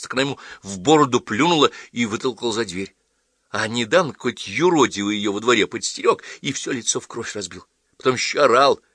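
A man reading an audiobook voices an angry, tearful teenage girl in high, shrill outbursts. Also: sharp tone, no room sound, studio quality.

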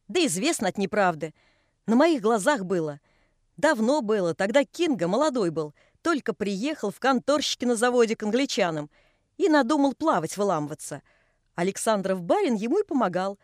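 Женщина, играющая старого ворчливого плотника. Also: female voice, on the high side, no echo, studio quality. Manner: folksy, chiding. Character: pious old male carpenter, scolding, storytelling.

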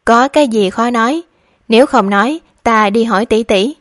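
A woman's voice: fairly high pitch, moderate pace, no room sound, clean studio sound, close to an everyday voice. A woman voicing a proud, hot-tempered young nobleman who speaks in a curt, commanding way. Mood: angry.

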